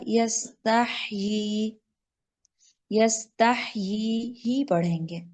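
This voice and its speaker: Over an online call, a Pakistani woman teaches a recitation class, explaining rules step by step and checking that students are following. Her voice is a little high and mellow, and she draws out example words slowly.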